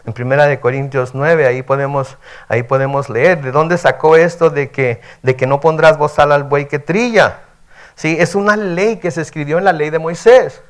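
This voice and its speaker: Pastor preaching conversationally. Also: male voice, on the high side, clear, resonant tone. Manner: conversational, frequent "¿verdad?" tags, reads scripture aloud and explains. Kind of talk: midweek sermon, Bible teaching.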